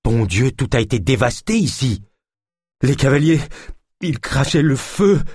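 A man acting out a terrified young man in an audiobook, his voice jumping high and wild as he cries out in panic. His frantic, stammering cries come through a husky, dry, close recording. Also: sing-song, slow, dry recording, heavily acted. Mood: panicked. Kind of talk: audiobook character voice.

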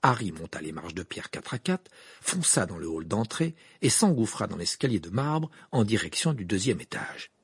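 A man reading an audiobook aloud in an expressive, scripted narration style. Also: normal speed, husky, dry recording, studio quality. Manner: expressive reading, wide pitch swings.

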